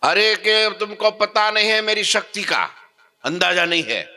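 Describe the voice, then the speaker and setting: A man acting out a boastful, threatening male sorcerer who makes loud, bragging threats in a sermon story. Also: mid-range voice, unhurried, clear, resonant tone, pitched above the performer's own voice. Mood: menacing. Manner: loud, bragging, menacing, commanding.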